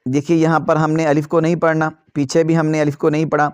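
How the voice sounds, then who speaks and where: A man teaching Quran reading who chants letter drills slowly and explains quickly in between. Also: a little high, completely flat delivery, clear, resonant tone, no room sound. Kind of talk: slow drilled recitation lesson.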